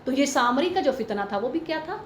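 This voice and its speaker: High-voiced woman teaching Quran commentary. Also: lively intonation, echoey room, noisy background. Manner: explains patiently, mixing in English terms and reciting Arabic verses; asks the class questions and waits for answers.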